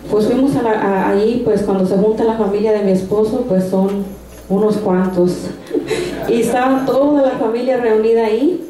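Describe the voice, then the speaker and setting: With a slightly high, dark-toned voice at ordinary speed, a woman earnestly delivers a personal testimony of faith at church, frequently beginning her sentences again. The room sound is echoey.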